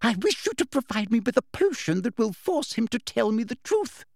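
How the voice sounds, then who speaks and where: A man voicing a furious middle-aged woman official with a sweetly girlish, shrill voice in an audiobook reading. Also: very animated, normal speed, gravelly, dry recording, studio quality, exaggerated voice. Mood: shrill insistence. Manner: shrill, squawking and shrieking.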